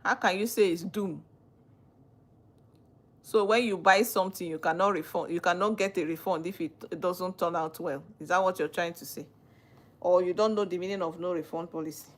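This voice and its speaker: A woman with a Nigerian accent and a lowish, steady voice runs a live stream at a normal pace. She's a legal practitioner, and she reads viewer comments aloud and teasingly questions them.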